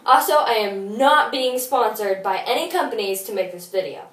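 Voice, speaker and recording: A woman's voice: a little high, animated, normal speed, fairly bright tone. A young woman chatting casually and jokily as host of an amateur unboxing video, playful and mock-dramatic, her voice echoing in a bathroom. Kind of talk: casual, jokey unboxing chat. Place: small indoor bathroom. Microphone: built-in tablet microphone. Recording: bathroom echo, amateur tablet recording.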